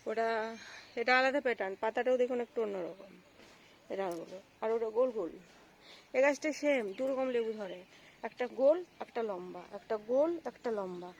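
A woman with a cold, hoarse and gravelly, chatting to viewers as she walks around her rooftop garden and points out her plants. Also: high-pitched, a little mellow, a little hiss or hum. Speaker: gardening vlogger. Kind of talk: casual walk-through vlog.

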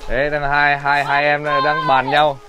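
A man's voice: a little high, completely flat delivery, a little slow, very noisy. A man with a Northern Vietnamese accent hosting a casual vlog outdoors in a village, chatting playfully and teasing as he talks to his viewers. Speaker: vlog host. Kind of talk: casual handheld vlog narration. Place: outdoors in a village among children. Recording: outdoors with a crowd of children behind.

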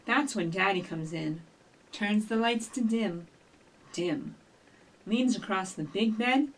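A middle-aged storytime host, working as a children's librarian, reads aloud and speaks encouragingly to young kids. Her pitch is medium and she takes her time, with a faint hiss or hum on the recording. It was picked up by a distant mic in a small shelved office.

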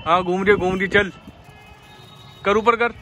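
A young man from India in casual vlog commentary on an outdoor city rooftop, recorded on a handheld phone, excitable and often laughing as he urges a friend on. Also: high-pitched, moderate pace, music in the background. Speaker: vlogger. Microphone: phone camera held by the speaker.

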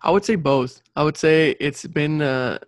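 A young man in his late 20s or 30s, a civil engineer and career coach whose first language is Spanish, speaks casually and earnestly as an interview guest, repeating points for emphasis. His voice is fairly high and a little slow, with clean studio sound and no room sound.

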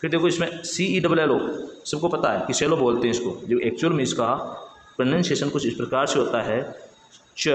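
Man, English teacher, repeats and spells out words, echoey room, faint background noise. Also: medium pitch. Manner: repetitive, spells words out letter by letter. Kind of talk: explanatory lesson.

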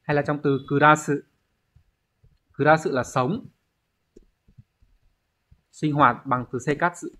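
A Japanese teacher leads an online exam review, explaining step by step and often checking in with students. His voice is a little high and sharp, with fairly even intonation, a slow pace and frequent pauses, on a dull lo-fi recording.

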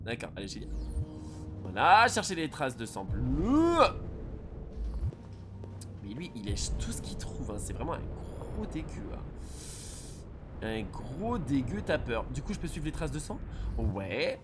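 A young man streaming a game, reacting excitedly and shouting at the action. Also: medium pitch, moderate pace, over music. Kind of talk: live gameplay commentary.

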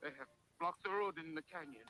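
A man's voice: on the high side, fairly quick, sharp tone, rough recording. An actor playing a male henchman and warrior in a 1940s film serial, with stiff, declamatory delivery. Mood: tense.

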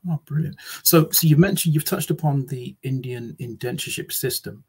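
A man's voice: medium pitch, normal speed, darkish tone, breathy edge, poor audio. A man hosting an interview over a video call, hesitant with many fillers and restarts. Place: small indoor room. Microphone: video call webcam.

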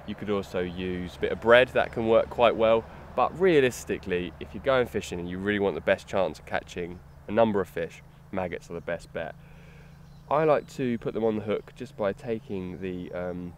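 A young Englishman explains fishing by a lake, his voice sitting low and relaxed. He talks while handling his gear, with the odd "uh". Faint outdoor noise sits behind him. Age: young adult. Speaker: fishing instructor. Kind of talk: outdoor tutorial demonstration. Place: lakeside outdoors.

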